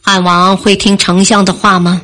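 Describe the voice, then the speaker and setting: A woman's voice: medium pitch, little pitch movement, normal speed, sharp tone, soft background music, natural voice. A woman voicing a downcast young general. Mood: dejected. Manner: downcast and doubtful. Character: dejected young male general who feels overlooked.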